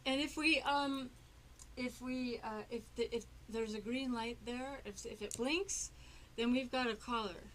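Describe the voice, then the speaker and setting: A woman's voice: fairly high pitch, unhurried, fairly bright tone, slight background noise. A woman hosting a casual interview on a local TV show, rambling with many fillers and restarts. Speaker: TV talk show host. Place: public access TV studio.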